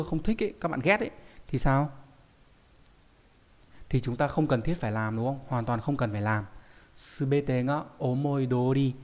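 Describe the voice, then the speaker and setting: A man teaching a Japanese reading lesson in Vietnamese, posing rhetorical questions and answering them himself, and reading Japanese lines out slowly. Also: mid-range voice, a little mellow, in a large hall.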